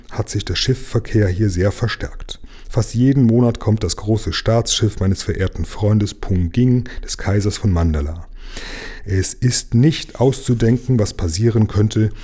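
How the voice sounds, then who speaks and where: A man's voice: lowish voice, warm tone, lightly acted. Man putting on a fretful pompous old king. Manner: sighing, self-important official tone.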